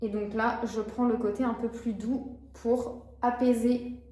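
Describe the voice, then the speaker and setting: A woman's voice: on the high side, flat delivery, a little slow, mellow, reverberant. A woman in her twenties chatting casually as a beauty vlogger, with frequent hesitations. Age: 20s. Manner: chatty, frequent "euh" fillers. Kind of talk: casual vlog chat.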